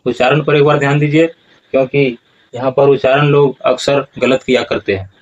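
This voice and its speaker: Slow, deliberate man teaching verse pronunciation. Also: mid-range voice, fairly even intonation, lo-fi sound. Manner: slow, deliberate, repeats phrases. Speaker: teacher of scripture recitation.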